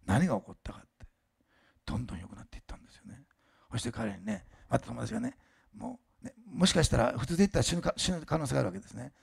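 An older male pastor giving a sermon with a personal testimony, talking fast and emphatically with chatty asides and restarts, and admitting his diction has slurred lately. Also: mid-range voice, sing-song, vocal fry, slightly rough.

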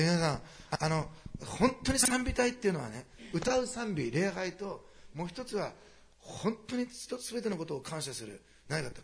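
A man preaching a sermon to a congregation, moving quickly between quiet storytelling and loud, animated passages. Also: a little high, creaky. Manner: fast, animated preaching that swings from hushed asides to loud climaxes. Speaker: pastor.

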